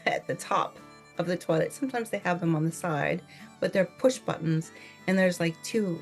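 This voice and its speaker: Chatty American woman, lower voice. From California, United States. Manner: chatty, laughs often, acts out her own reactions. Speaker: vlogger. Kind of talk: casual storytelling.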